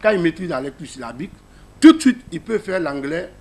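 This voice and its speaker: A man's voice: on the high side, sing-song, a little fast, a little mellow. A man with a Guinean French accent teaching a class, explaining a reading method step by step and asking his listeners questions.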